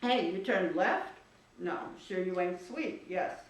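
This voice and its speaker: A woman's voice: lowish voice, animated, slow. Woman reading as a brash aging male jazz musician. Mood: boastful. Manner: swaggering, streetwise slang, bawdy storytelling. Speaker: writer reading her own work. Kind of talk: dramatic reading of a first-person monologue. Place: art studio at a live reading. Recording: very echoey room, distant mic.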